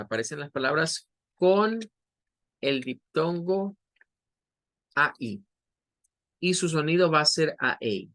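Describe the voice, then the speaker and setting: Slow, patient Spanish-speaking English teacher. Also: male voice, on the high side, a bit bright. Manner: slow, patient explaining with drawn-out example words. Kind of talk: online class lesson.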